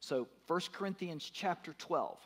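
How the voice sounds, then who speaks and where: A man's voice: on the high side, lively intonation, unhurried, slightly rough. Emphatic man in his fifties preaching. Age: 50s. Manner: emphatic, repeats words, asks the congregation questions. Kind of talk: sermon. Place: church.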